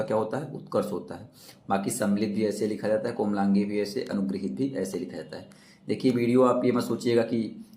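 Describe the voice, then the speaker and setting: A man's voice: fairly low pitch, darkish tone. A man teaching an exam-prep lesson, asking questions and repeating the answers himself.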